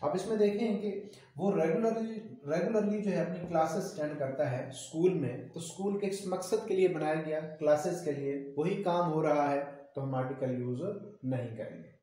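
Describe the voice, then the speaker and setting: A man's voice: a little high, normal speed, warm tone. A male English teacher giving a grammar lesson, explaining step by step and answering his own questions. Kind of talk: classroom grammar lecture. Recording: very echoey room.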